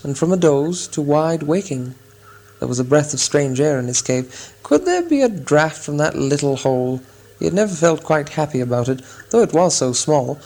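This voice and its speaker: A man narrating a fantasy story aloud in a measured, expressive storytelling style. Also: medium pitch. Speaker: audiobook narrator. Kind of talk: scripted narration.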